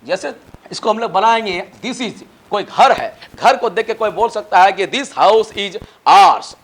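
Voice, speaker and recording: A man with an Indian accent teaching spoken English, spelling words letter by letter and drawing out his English examples slowly, urging students to memorize. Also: sits high, fairly bright tone. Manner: lecturing, exhorting students to memorize. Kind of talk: spoken English lesson in Hindi.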